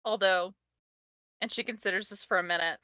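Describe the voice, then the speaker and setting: A woman with a bright, forceful voice narrates her character's reactions as a tabletop player, in a wry and teasing way. The sound is dry and close, with little room around it. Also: mid-range voice, fairly even intonation, a little fast, clean tone, no room sound.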